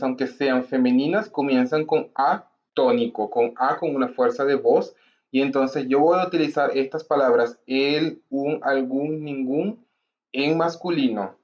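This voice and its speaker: A man's voice: medium pitch, muffled recording. A male language teacher explaining grammar patiently, repeating examples and checking in with his listeners. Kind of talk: grammar lesson to camera.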